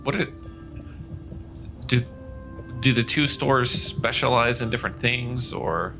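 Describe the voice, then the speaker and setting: A man's voice: mid-range voice, slow pace, over music. A man playing a tabletop game, casually discussing plans in a questioning, hesitant way.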